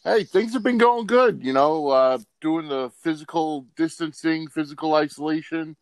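A man's voice: a little high, normal speed, smooth, dry recording. A man hosting a sports podcast in casual talk, with a loose, rambling delivery. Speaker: podcast host.

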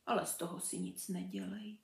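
Woman reader putting on a kindly little doll: soft, gentle, roomy echo. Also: mid-range voice, flat delivery, vocal fry, recorded from a distance, natural voice. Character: one-armed toy doll, gentle girl. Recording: echoey room.

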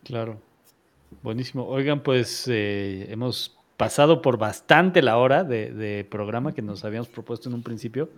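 A man with a medium-pitched voice, talking at normal speed, hosts a casual live-streamed online talk show as a podcast host. He thanks his guests with many fillers and restarts.

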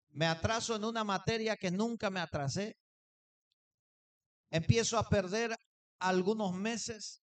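High-pitched guy preaching, tells his own story and does the back-and-forth lines. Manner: storytelling preacher, acts out dialogue. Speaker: pastor. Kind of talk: sermon.

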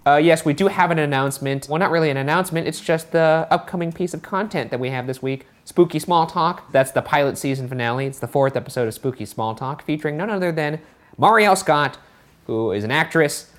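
A man's voice: on the high side, brisk. A man co-hosting a podcast in casual chat, with a laid-back, dry, teasing way of talking. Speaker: podcast co-host.

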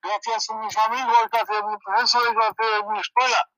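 Earnest very high-voiced man lecturing. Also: flat delivery, sharp tone, low-quality recording. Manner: earnest, lecturing, halting non-native Spanish. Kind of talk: heated argument.

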